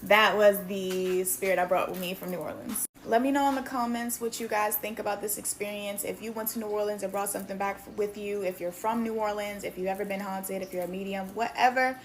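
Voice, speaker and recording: A woman's voice: mid-range voice, steady tone, brisk, few pauses, slight background noise. A woman finishing a personal ghost story and talking directly to viewers. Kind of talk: casual personal story wrap-up.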